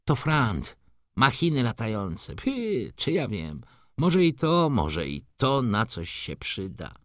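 An excitable old shop clerk, as a man reading the book puts him on, fussing and coaxing in a raised, lively voice that leaps up and down. His talk is eager and chattering, and the dry, close reading leaves no room sound around him. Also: mid-range voice, takes it slowly, no room sound, pitched above the performer's own voice, exaggerated voice. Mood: chattering, gossipy.

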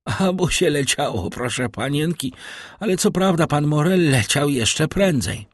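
A man's voice: on the high side, lively intonation, a little slow, dry recording, studio quality, pitched above the performer's own voice. A man reading an audiobook, voicing a loyal, humble old male servant.

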